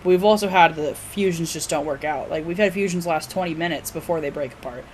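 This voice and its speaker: Lowish-voiced woman co-hosting a podcast, blunt, swears a lot, bit of background hiss. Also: fairly quick, a little mellow. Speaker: podcast co-host. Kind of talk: casual chat.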